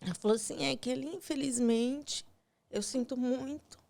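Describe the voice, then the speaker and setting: A woman's voice: high-pitched, steady tone, moderate pace, gravelly. Tearful woman telling a painful story. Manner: retells scenes with quoted dialogue, voice breaking softly. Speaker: podcast guest. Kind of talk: emotional personal storytelling.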